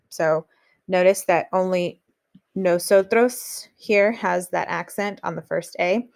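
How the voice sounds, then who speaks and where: A woman teaching a recorded lesson on Spanish grammar, explaining rules steadily and reading example sentences aloud. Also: lowish voice.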